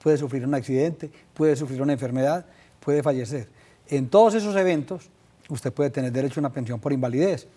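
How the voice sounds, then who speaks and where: A man with a Colombian accent, a legal expert on a TV call-in show, explaining pension rules in a measured way with many fillers. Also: mid-range voice, dark tone. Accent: Colombian Spanish. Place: TV studio.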